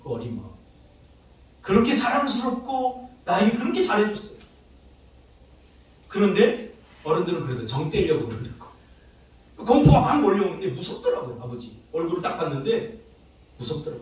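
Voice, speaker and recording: A male pastor preaching a sermon, telling stories with emotional swings between soft and loud. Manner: emotional storytelling with dramatic swings in pitch and loudness. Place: church sanctuary. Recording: echoey church hall, distant mic.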